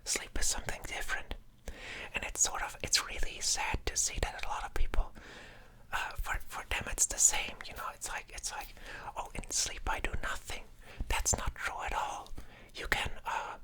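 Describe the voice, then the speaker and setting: A person speaking in a breathy whisper in a casual ASMR ramble, sounding sleep-deprived and hesitant, often trailing off and starting thoughts again. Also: moderate pace. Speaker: ASMR creator.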